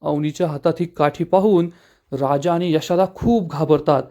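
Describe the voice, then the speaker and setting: A man narrating a brisk recap of a television episode. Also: a little high, warm tone.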